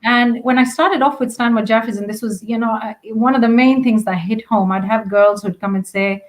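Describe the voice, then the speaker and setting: A middle-aged woman from Kenya, a sports director speaking as a podcast guest, telling heartfelt stories in an animated way. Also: fairly high pitch, normal speed. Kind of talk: casual podcast conversation.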